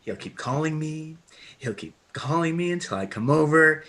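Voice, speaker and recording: A man's voice: a little high, expressive, moderate pace, a bit bright. A man reading a whiny, fretful teenage boy in an unrehearsed script read-through. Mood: frantic.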